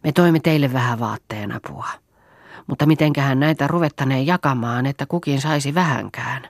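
A woman reading the part of a motherly, homely farm mistress in an audiobook, gently bossy and fond of proverbs. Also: very deep voice, dry recording, clean studio sound. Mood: kindly.

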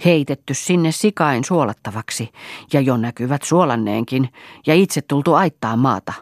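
A woman's voice: very deep voice, expressive, no echo, clean studio sound. A woman voicing a bitter, spiteful old mother-in-law who scolds venomously, in an audiobook. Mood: scolding.

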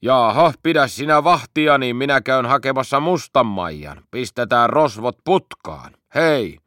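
A man putting on a gruff constable. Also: mid-range voice, expressive, pushed and bright, dry recording, studio quality, pitched above the performer's own voice. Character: gruff male police constable.

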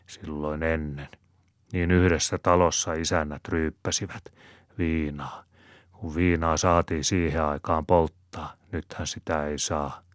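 A man's voice: very deep voice, dry recording, clean studio sound. A man voicing a bawdy, sly old rustic storyteller who spins his yarn with folksy chuckles.

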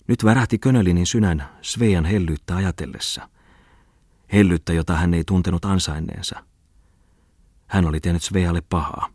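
A man reading a novel aloud as an audiobook, in measured literary narration. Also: sits low, darkish tone, slightly rough, dry recording, studio quality. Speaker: audiobook reader. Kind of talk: scripted narration.

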